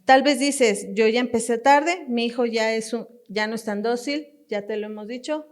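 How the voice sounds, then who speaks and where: A woman's voice: on the high side, normal speed. A woman pastor teaching parents in a sermon, repeating her points emphatically and speaking straight to them. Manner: emphatic and repetitive, addressing parents directly with light laughter.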